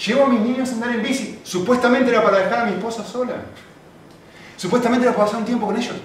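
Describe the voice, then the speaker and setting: A man preaching a sermon, telling stories in an animated way with acted-out quotes. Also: very high-pitched, racing. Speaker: pastor. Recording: very echoey hall, distant mic, faint noise.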